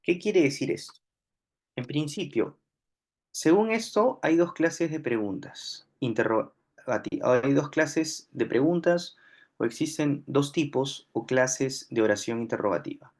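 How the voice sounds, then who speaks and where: A man with a Peruvian accent teaching a grammar lesson, patiently repeating examples and often pausing with fillers. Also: mid-range voice, darkish tone. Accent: Peruvian Spanish. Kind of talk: grammar lesson explaining on screen.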